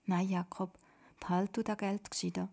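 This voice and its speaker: A woman's voice: medium pitch, little pitch movement, normal speed, creaky, a little mellow. A woman with a Swiss German accent voicing a kindly old grandfather in whispered role-play.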